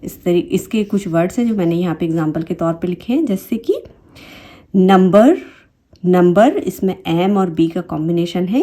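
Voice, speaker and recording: A woman teaches English phonics with an Indian English accent. Her voice is somewhat low and mellow, and the talk is patient and explanatory. She says each example word twice, slowly and clearly. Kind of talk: phonics lesson.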